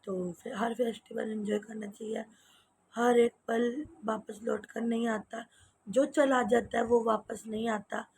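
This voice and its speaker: A woman chatting casually in a home vlog, hoarse from a cold and tired late at night, in her home kitchen. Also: a little high, fairly even intonation, unhurried, a little mellow. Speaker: vlogger.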